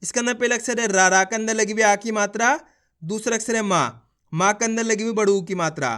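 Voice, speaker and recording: Brisk and forceful, the man's high voice stays steady, bright, and clean. He's teaching beginners to read, pronouncing each syllable separately before blending them into words, and he encourages viewers as he repeats instructions to them.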